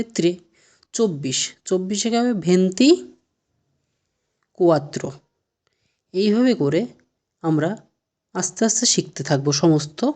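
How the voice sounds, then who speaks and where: A woman teaching a language lesson, asking a question and then answering it, repeating each word slowly. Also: medium pitch, a little mellow. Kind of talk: slow spoken language lesson.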